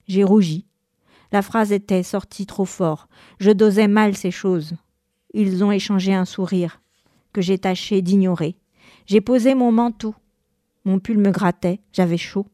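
A woman reading a first-person novel aloud in a measured, expressive narrating style. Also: medium pitch, no echo, clean studio sound. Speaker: reader.

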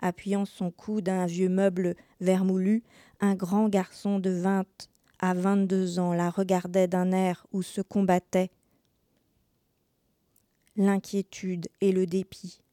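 A woman's voice: medium pitch, little pitch movement, slow pace, mellow, no echo, studio quality. A woman who reads a story aloud in a theatrical way and then asks questions as an interviewer. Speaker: reader and interviewer. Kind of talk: theatrical reading.

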